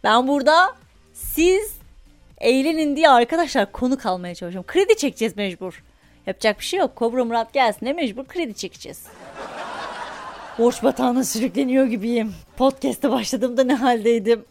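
A woman hosting a podcast, telling a casual story in an animated way, laughing often and swearing freely. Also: fairly high pitch, brisk, faint music behind. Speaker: podcast host.

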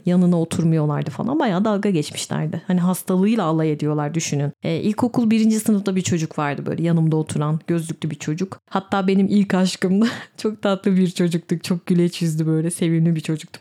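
A young woman speaks earnestly to her followers in a casual, personal way and calls them friends. Her voice sits a little low and sounds mellow and soft-edged. She tells her stories steadily, addressing the listener directly. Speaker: social media creator.

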